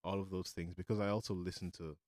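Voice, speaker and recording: Deep-voiced man from Jamaica. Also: quick pace, no echo, studio quality. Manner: relaxed, thoughtful, many fillers. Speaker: musician guest. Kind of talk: casual interview answers.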